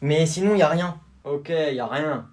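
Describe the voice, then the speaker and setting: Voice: medium pitch, darkish tone. Young comedian acting rowdy sketches. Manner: quick street slang, blustering back-and-forth.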